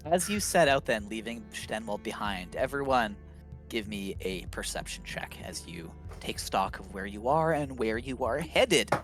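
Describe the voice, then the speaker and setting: Game master, male, lowish voice, easygoing narration, faint music behind. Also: a little slow. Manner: relaxed, hedging with fillers.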